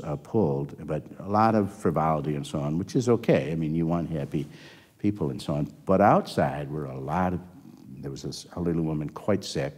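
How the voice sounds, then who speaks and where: Recorded with long hall reverb, an older man with an extremely low, slightly mellow voice recounts his career in an oral history interview. His storytelling wanders, with many restarts.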